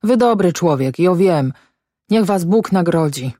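A woman's voice: on the low side, expressive, measured pace, warm tone, dry recording, studio quality. A woman voicing a distraught peasant father who speaks in a muffled, accusing voice in an audiobook. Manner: muffled, pleading then accusing. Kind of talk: audiobook character voice.

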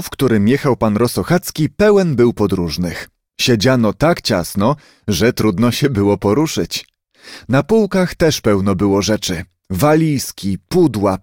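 A man reading a children's storybook aloud, expressive and unhurried. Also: mid-range voice, no echo, studio quality. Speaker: narrator.

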